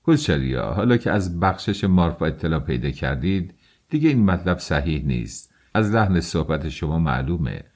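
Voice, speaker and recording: A man voicing a haughty middle-aged suitor who speaks in a stiff, contemptuous, measured way, in an audiobook. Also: sits low, big pitch swings, a little mellow, heavily acted. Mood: cold.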